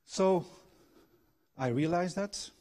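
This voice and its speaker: Here the guest lecturer talks slowly, his voice sitting high with a warm tone. He is a middle-aged man of Belgian origin raised abroad, a former factory manager and trained coach, giving a public talk in a university lecture hall full of personal anecdotes and questions to listeners.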